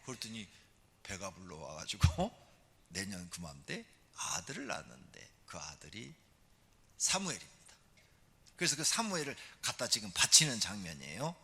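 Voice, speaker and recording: A male pastor preaches with animated storytelling, his pitch leaping and dropping. His voice is bright and a little husky, and it rings in the long reverb of a church sanctuary. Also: moderate pace. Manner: animated storytelling, calls for amen responses. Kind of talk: sermon.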